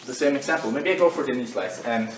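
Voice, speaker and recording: A man's voice: medium pitch, lively intonation, fast, echoey room, far from the mic, a little hiss or hum, poor audio. A man teaching jiu-jitsu in a loose, conversational way while demonstrating on the mat. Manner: loose and conversational, many fillers. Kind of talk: casual instructional demo.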